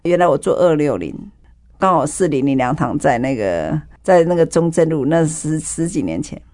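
A woman's voice: low voice, lively intonation, normal speed, a little mellow. A woman with a Taiwanese Mandarin accent tells her own story as an interview guest. She speaks with feeling and acts out the voices of the people she describes. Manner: vivid storytelling, acts out dialogue. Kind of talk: emotional personal testimony.

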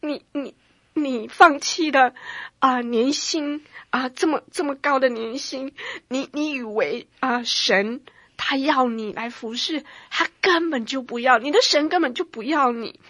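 A scornful devil who taunts and accuses, his voice pushed loud and high, as a woman puts him on. The voice is husky and close, with a dry, dead room around it. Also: a little slow, dry recording. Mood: scornful taunting.

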